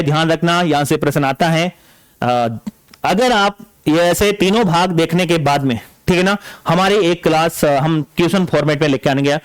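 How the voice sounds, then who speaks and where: A man whose voice sits high, recorded without room sound, teaches an exam-prep grammar lesson. He explains a rule, then goes over it again and again, frequently checking in with phrases like "okay?" and "ठीक है ना".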